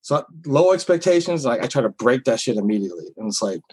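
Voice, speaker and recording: A man's voice: mid-range voice, very animated, fast, a little mellow, husky, low-quality recording. A man who works as a comedian talks candidly in an interview, rambling with many fillers and restarts. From Philippines heritage. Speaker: comedian guest. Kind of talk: casual interview talk.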